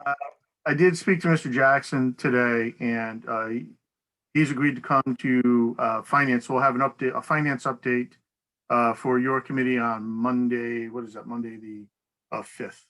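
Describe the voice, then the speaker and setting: A man with a bright, forceful tone runs a town council public hearing over a video call. He lays out the procedures in an easygoing way, with light laughs here and there. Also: mid-range voice, fairly even intonation, a little slow, low-quality recording. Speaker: council meeting chair.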